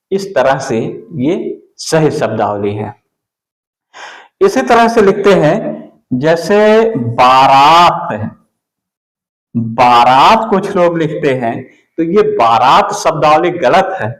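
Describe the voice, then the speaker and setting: A man teaching an exam-prep spelling lesson, going slowly and repeating each word. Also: fairly high pitch, roomy sound, low-quality recording. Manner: slow, deliberate, repeats words for the student.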